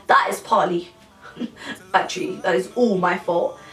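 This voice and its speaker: A woman's voice: fairly low pitch, measured pace, fairly bright tone, recorded from a distance. A woman, chatting casually through a Q&A for her vlog, rambling with many restarts. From England. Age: 20s. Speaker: YouTuber. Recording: echoey room, voice a bit off-mic, music behind.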